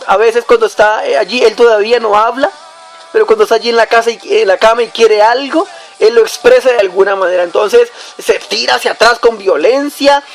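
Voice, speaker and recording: A man's voice: very high-pitched, brisk, soft background music. A young adult man preaching a devotional teaching on prayer, addressing the listener directly point by point.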